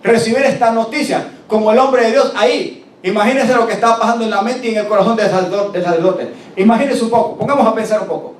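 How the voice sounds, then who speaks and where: A man preaching a sermon, slowing down to stress scripture and calling on the congregation to answer back. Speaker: pastor. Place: church hall. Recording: roomy church recording from a distance, faint rumble.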